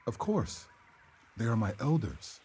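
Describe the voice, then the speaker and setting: Earnest, lively-pitched period drama healer. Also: male voice, slight background noise. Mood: serene, assured. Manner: measured, formal phrasing without contractions. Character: earnest young male healer, calm and devout believer in elders. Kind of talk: stagey period drama acting.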